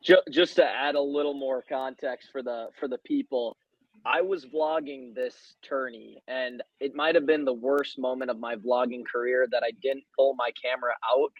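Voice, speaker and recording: A man's voice: mid-range voice, steady tone, moderate pace, dry recording, phone-quality sound. A young man co-hosting, chiming in casually with extra context and a laugh. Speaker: co-host, former teammate. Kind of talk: casual chat.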